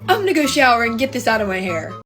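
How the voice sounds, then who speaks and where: A woman's voice: fairly high pitch, sing-song, very fast, a bit bright. A woman makeup vlogger talking casually and chattily, full of "like" and "literally". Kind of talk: casual chat. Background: music.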